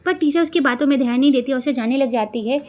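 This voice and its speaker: A woman with a Hindi accent recapping a television drama in a lively, casual storytelling way. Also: high voice, fast talker. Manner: lively, acts out the characters' quoted lines.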